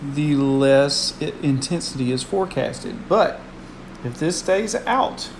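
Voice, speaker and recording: A man with a slightly higher-than-average voice talks through a live weather stream in a casual way. He takes his time and repeats phrases for emphasis. A clear, steady hum like air conditioning runs behind him. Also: takes it slowly, poor audio.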